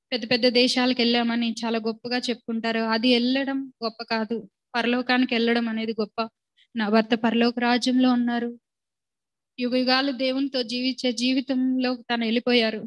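High, earnest woman giving a tearful testimony. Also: dry recording. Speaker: widow giving a church testimony. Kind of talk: emotional spoken testimony.

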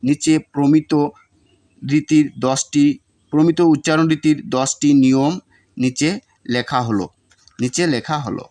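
A man's voice: fairly high pitch, fairly even intonation, unhurried, long pauses, a little mellow. A man teaching, reading out exam notes and repeating example words to show their pronunciation.

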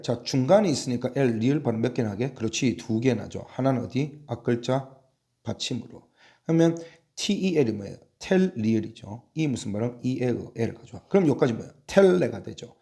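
A man's voice: medium pitch, creaky, dark tone. A man teaching English spelling in a classroom drill, spelling out letters one by one and asking and answering his own questions.

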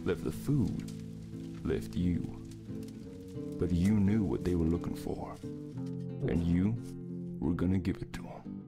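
A man's voice: sits low, slow, long pauses. An actor playing a stern male Wild West narrator and mentor, with a terse, drawling delivery. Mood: grim. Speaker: game narrator. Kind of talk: scripted narration. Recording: roomy echo with clear music.

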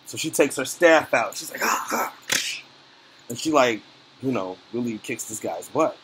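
A man in the middle of his vocal range talks through a movie review in a loose, conversational way. He leans on plenty of fillers and restarts, and his voice drops off softly at the ends of phrases. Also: medium pitch, lively intonation, moderate pace, background noise. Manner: uneven loudness, trailing off quietly at phrase ends. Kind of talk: casual spoken film review.

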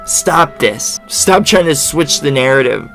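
A man hosting reaction commentary, mocking and sarcastically answering a clip he pauses. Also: on the high side, animated, fairly bright tone, faint music behind. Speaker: commentary host.

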